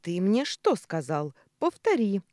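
Gruff hot-headed young man, woman reading. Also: deep voice, animated, normal speed, a little mellow, no room sound, studio quality. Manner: gruff, blunt, grumbling. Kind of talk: audiobook character voice.

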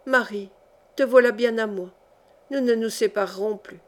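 This is a devoted noble mother, a countess who pours out fervent, tender words to her daughter, as a woman reads her in an audiobook. The voice sits a little high for a woman and stays close to the reader's own. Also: normal speed, natural voice. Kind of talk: audiobook reading of a historical novel.

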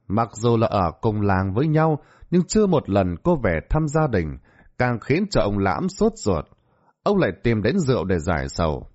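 Dramatic male storyteller, lo-fi. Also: on the low side. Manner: dramatic, expressive. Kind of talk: scripted story narration. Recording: dull lo-fi audio.

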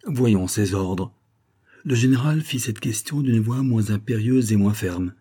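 A man narrating an audiobook in a steady, measured reading. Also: medium pitch, slightly rough.

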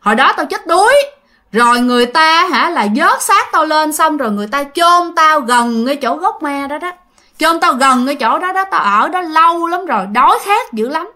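A woman voicing a ravenous male ghost that possesses a boy, with a gruff, booming voice and slow, menacing demands. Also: expressive, pushed and bright. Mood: grim.

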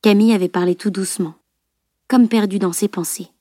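A woman reading a novel aloud as audiobook narrator, in a measured, even storytelling voice. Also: medium pitch, no room sound, studio quality.

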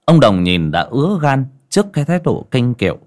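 A man narrating a folk tale in an expressive, earthy storytelling manner. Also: medium pitch, brisk.

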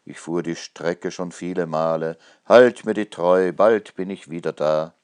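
Theatrical man reciting a ballad slowly. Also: sits low, a little mellow, clear, resonant tone. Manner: theatrical, swelling and falling with the verse. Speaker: poetry reader. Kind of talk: dramatic poetry recitation.

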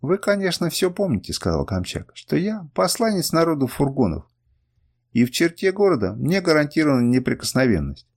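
A man's voice: on the high side, fairly quick. Man doing a cocky cunning barbarian envoy. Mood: sly. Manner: calm, mocking.

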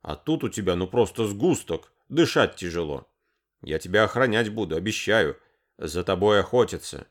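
A man's voice: deep voice, animated, normal speed. A man reading the part of a gangly young man who is hesitant and earnest as he makes his case. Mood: awkward, earnest.

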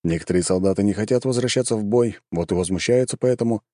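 A man narrates an audiobook in a low, dark and mellow voice, even and measured. The recording is dry and close to the mic. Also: no echo. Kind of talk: scripted narration.

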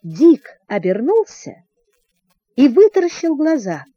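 A woman narrating a children's adventure audiobook in an expressive, animated reading. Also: high-pitched, slow pace, no room sound, lo-fi sound.

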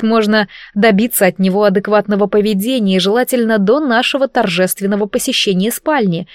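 A woman's voice: mid-range voice, no room sound, clean studio sound. Wry woman narrating an audiobook. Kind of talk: first-person audiobook narration.

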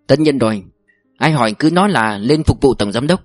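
A man's voice: mid-range voice, expressive, fairly quick, no echo, clean studio sound, soft background music, close to an everyday voice. A man voicing a calculating older official. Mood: commanding. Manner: firm, commanding. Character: older male bank assistant, calculating.

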